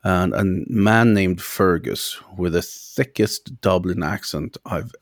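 A man's voice: deep voice, slow pace, no room sound, clean studio sound. A young man casually telling a personal story as a guest, rambling and hesitant with many fillers.

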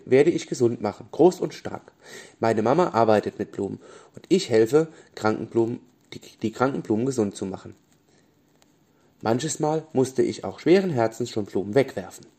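A man's voice: medium pitch, lively intonation, normal speed, warm tone, husky. A man voicing a kind little girl who heals flowers, in a children's bedtime story, talking reassuringly. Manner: reassuring, eager.

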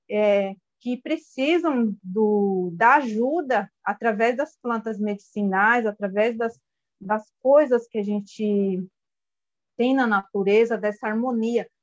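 Gentle and reflective, this woman in her 30s shares a personal testimony, pausing to search for words; her first language is Guarani-Mbyá. Her soft voice is on the high side, and the audio is dull and lo-fi.

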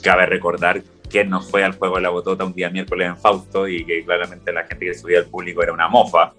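A man's voice: deep voice, fast talker, faint music behind. A young Chilean man chatting casually, telling stories and acting out what people said. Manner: relaxed storytelling, acts out quoted lines. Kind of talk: casual chat.

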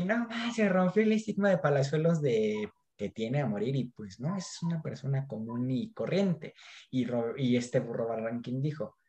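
A man with a Mexican accent chats on a podcast in heavy slang. He retells gossip quickly in a mid-pitched voice. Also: darkish tone. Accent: Mexican Spanish. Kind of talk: casual chat.

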